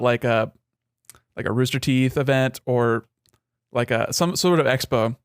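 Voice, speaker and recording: A man co-hosting a casual gaming podcast, eager and quick as he runs through his picks. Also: mid-range voice, clean tone, dry recording, clean studio sound. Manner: eager, quick, running commentary. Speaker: podcast co-host.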